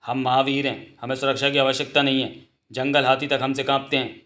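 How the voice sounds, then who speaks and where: A man's voice: medium pitch, level tone, fairly quick, sharp tone, natural voice. A pompous cartoon king, fat and boastful, voiced by a man. He blusters grandly, though fear is never far away. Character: fat cowardly boastful middle-aged king. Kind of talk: Hindi comic dub.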